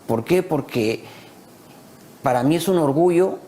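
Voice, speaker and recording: As a talk show guest, a man from Peru speaks with a Peruvian Spanish accent in a fairly high, expressive voice that has a dark tone and a slightly slow pace. Proud and emphatic, he repeats phrases to drive home his points in the passionate exchange.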